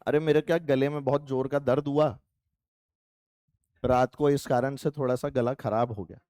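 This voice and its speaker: A man's voice: medium pitch, fairly even intonation, normal speed, a little mellow, no room sound, studio quality. A male physics teacher giving a playful, chatty classroom lecture and teasing his students.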